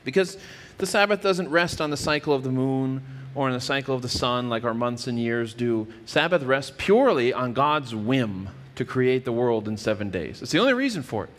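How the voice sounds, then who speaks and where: A man in his thirties delivers a sermon from a church stage, working through scripture in an earnest, teacherly way. His voice sits at an ordinary middle pitch and trails into a lingering hall reverb, with small restarts as he finds his words. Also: lively intonation, normal speed, a bit bright. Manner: earnest, explanatory preaching with frequent restarts. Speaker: pastor. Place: church stage with wood-paneled wall.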